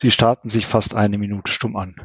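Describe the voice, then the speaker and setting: Hörbuch-Erzähler, Mann, heiser, trocken aufgenommen. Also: male voice, fairly low pitch, flat delivery, moderate pace, a bit bright, slightly rough, no echo, muffled recording. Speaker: author reading his own novel. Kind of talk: audiobook narration.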